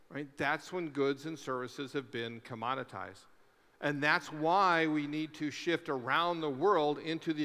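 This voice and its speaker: Through a headset mic on a large stage, a middle-aged keynote speaker addresses a conference emphatically, favoring rhetorical questions and repeated lists. His voice is a little high and fairly bright, with long hall reverb.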